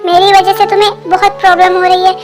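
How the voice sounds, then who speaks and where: A self-blaming young wife, voiced by a woman, speaks softly and with resignation in a very high, flat voice. This fan dub has faint music underneath. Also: fast talker. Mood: resigned.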